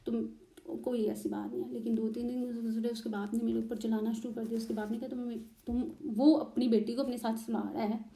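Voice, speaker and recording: A woman from Pakistan tells her story in an animated, emotional way, replaying old arguments. Her voice sits a little high but sounds very dark and soft in tone. The recording has a roomy echo around her. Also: a little fast, vocal fry. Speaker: interviewee recounting her marriage. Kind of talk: emotional personal testimony.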